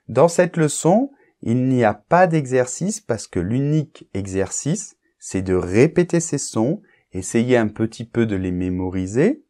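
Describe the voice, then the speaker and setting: Slow, deep-voiced teacher. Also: male voice, darkish tone. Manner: slow, deliberate, exaggerated articulation of sounds. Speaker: French pronunciation teacher. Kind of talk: slow instructional pronunciation drill.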